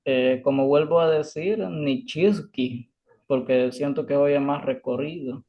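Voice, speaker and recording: A man's voice: mid-range voice, fairly even intonation, normal speed, dull audio. A man answering as a student in a class, hesitant and unsure of his opinion.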